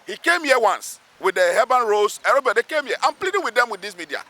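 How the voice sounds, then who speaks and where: This local assemblyman, speaking with a Ghanaian accent, talks fast in a very high, pushed, bright voice whose pitch swings widely. He's being interviewed outside next to a road underpass, making emphatic, pleading advocacy and repeating phrases for emphasis.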